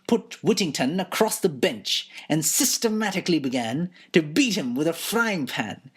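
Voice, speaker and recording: A woman narrating a rhyming story in a playful, expressive way. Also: low voice.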